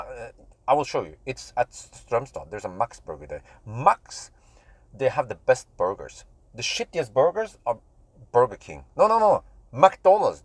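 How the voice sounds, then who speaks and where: A man's voice: lowish voice, no room sound. A tired man, the show's host, chatting frankly in a casual vlog while sitting in a parked car.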